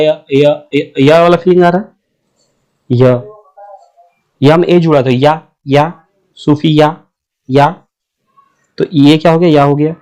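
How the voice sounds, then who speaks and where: A man teaching English letter sounds in a casual spoken lesson, repeating each sound slowly and often checking that the viewer understands. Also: a little high, a little mellow.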